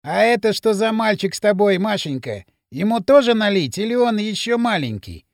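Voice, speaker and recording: A man's voice: high-pitched, sing-song, moderate pace, creaky, dry recording, clean studio sound, heavily acted. A male audiobook reader voicing a drunk, lecherous, scruffy man who drawls and bellows cheerfully. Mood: drunk, boisterous. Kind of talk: audiobook character voice.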